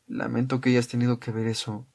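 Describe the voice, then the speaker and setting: A man voicing a middle-aged father who apologizes in a quiet, unbearably calm voice. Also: mid-range voice, measured pace, husky. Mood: solemn.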